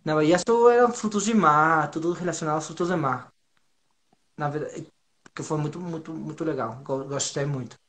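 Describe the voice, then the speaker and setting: A man's voice: fairly high pitch, moderate pace, a bit bright. Hesitant man searching for words. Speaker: foreign guest learning Portuguese. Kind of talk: casual conversational interview.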